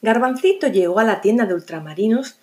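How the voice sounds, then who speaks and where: A middle-aged woman narrating a children's story, expressive and unhurried. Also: medium pitch. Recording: music bed.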